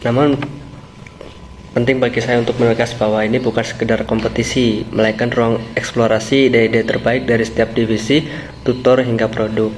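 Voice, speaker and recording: A man's voice: mid-range voice, little pitch movement, normal speed, a little hiss or hum. A young adult man playing a boss leading a meeting, speaking hesitantly with many fillers and restarts. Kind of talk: amateur role-play meeting.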